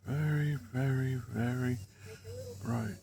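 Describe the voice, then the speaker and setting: Male vlogger, relaxed dark tone, heavy breather, casual unhurried murmuring outdoors with faint ambient noise. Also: medium pitch, creaky. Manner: unhurried, murmured remarks while walking around. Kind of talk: casual outdoor vlog, rambling to viewers. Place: outdoors in a yard with cicadas. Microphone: handheld phone. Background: faint outdoor ambience, cicadas.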